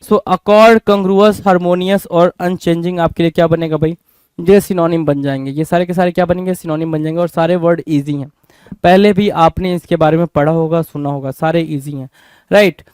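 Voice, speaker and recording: A man's voice: fairly high pitch, fairly even intonation, moderate pace, a little mellow, clear, resonant tone, no echo. A man with an Indian accent teaching English vocabulary in an exam-prep lesson, often asking the class a question and answering it himself.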